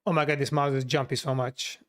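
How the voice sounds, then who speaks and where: A man's voice: mid-range voice, fairly even intonation, a little fast, fairly bright tone. A man with a Turkish accent and native Turkish, chatting casually on a livestream as he works and answers viewers. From Turkey. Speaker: livestreamer, software developer.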